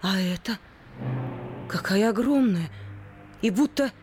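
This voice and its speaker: A woman voicing a young boy in a radio play, quick and exclamatory, turning cold and sneering. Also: mid-range voice, lively intonation, darkish tone, faint music behind. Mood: dreamy. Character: boy Kai, lively then cold and sneering.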